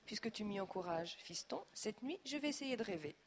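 A woman's voice: mid-range voice, expressive, fairly quick, lightly acted. A woman doing a mild good-humoured dad. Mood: gentle. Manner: mild, gentle. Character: easygoing good-humoured father.

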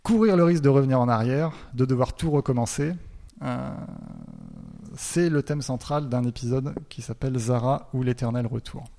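A man gives a lecture with a gravelly, creaky voice at a middle pitch. He hesitates often, repeating words and filling pauses. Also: warm tone.

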